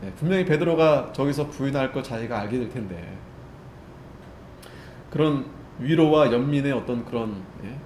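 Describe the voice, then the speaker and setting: A male pastor preaching a Sunday sermon in a conversational way, often checking in with the congregation and swinging between loud and soft as he acts out the story. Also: mid-range voice, lively intonation, normal speed, slight background noise. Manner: conversational, keeps checking with listeners. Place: church sanctuary. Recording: echoey church room, faint ambience.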